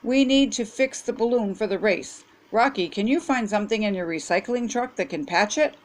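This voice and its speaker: A woman's voice: medium pitch, lively intonation, moderate pace, natural voice. An older woman reading aloud, voicing a brave, upbeat boy who leads a team of rescue pups in a storybook. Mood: eager. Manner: eager, encouraging.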